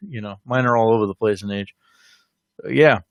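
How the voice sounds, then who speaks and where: A man in his forties co-hosting a casual ministry livestream from home, speaking in an easygoing, agreeable way with halting fillers. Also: on the low side, no echo. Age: 40s. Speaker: ministry co-host who prays for viewers.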